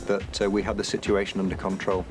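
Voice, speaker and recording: A man's voice: sits low, monotone, fast. A man speaking as a mountain rescuer, recounting events for a children's documentary. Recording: loud music behind.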